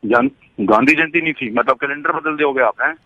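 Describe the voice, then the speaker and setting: A man's voice: mid-range voice, brisk, no room sound. A man on a phone call, irritated and scolding, swearing at the caller. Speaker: prank call victim. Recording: phone call with loud noise.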